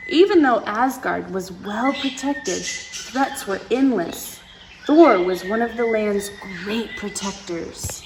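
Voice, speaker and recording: A woman reads a picture book aloud to children, speaking directly to her young listeners with playful asides and dramatic emphasis. Her mid-range voice is expressive and slow-paced, and there's background noise.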